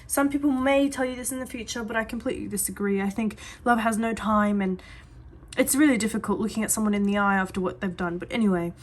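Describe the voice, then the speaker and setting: A woman's voice: medium pitch, steady tone, fast talker. Earnest woman giving a psychic reading. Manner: earnest and reassuring, repeats "I do see"; chatty, with many fillers and restarts. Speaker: psychic reader. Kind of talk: reading coffee grounds to a client.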